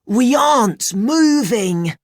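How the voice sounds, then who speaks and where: A woman's voice: slow pace, no room sound, clean studio sound. A woman reading aloud and voicing an eager young boy in a storybook, in a raised childlike voice. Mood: puzzled. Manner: high, excited childlike delivery.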